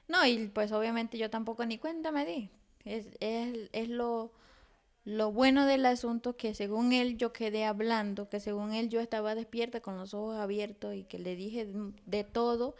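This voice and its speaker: A woman's voice: on the high side, fairly even intonation, moderate pace. Woman in her thirties telling her story. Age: 30s. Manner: rambling, many restarts and fillers. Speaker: interview guest. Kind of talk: personal testimony in conversation.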